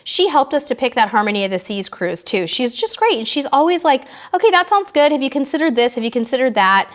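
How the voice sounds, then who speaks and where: Bubbly high-voiced woman hosting live chat. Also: very animated. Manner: bubbly and chatty, quick asides. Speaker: host of a live cruise Q&A. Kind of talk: casual live-stream chat reading viewer comments.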